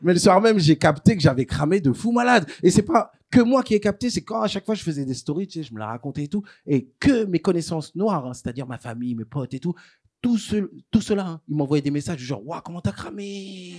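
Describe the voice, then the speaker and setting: A man in his thirties doing stand-up in a comedy club, animated, swinging between loud bursts and low asides. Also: fast, hardly any pauses. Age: 30s. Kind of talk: stand-up storytelling.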